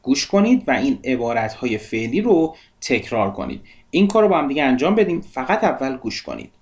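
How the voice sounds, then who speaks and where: A man teaching a language lesson, repeating each phrase slowly and explaining it. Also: medium pitch, huge pitch swings. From Iran. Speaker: English teacher.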